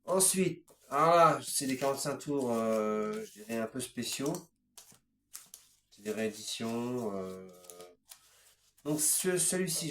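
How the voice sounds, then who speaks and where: A man in his fifties walks through his record collection in a casual show-and-tell, hesitant and chatty, moving from one item to the next with frequent filler words. His voice sits at an average pitch. The recording carries a roomy echo. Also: slight background noise. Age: 50s. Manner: hesitant, strings items together with "voilà" and "ensuite".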